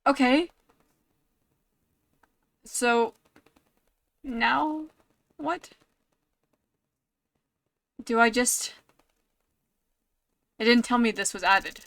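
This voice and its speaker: A woman's voice: on the high side, very slow, long pauses, a bit bright, dry recording. A woman hosting a let's play, chatting casually about the game and reading its narration aloud.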